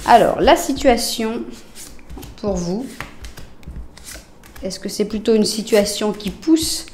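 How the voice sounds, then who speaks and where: A woman with a French accent doing a casual tarot reading, talking straight to her viewers with lots of fillers and often dropping to a soft murmur as she lays out cards. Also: medium pitch, takes it slowly, slight background noise. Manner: chatty, addresses viewers directly, many fillers. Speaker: tarot reader.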